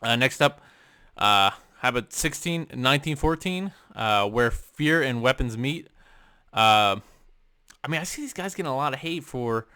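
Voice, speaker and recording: Young male vlogger, bright and crisp, rambly casual delivery, dry close sound. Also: mid-range voice, lively intonation, moderate pace, no echo. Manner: rambling, many ums and uhs, casual swearing. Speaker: music vlogger. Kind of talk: casual album ranking chat. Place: home room.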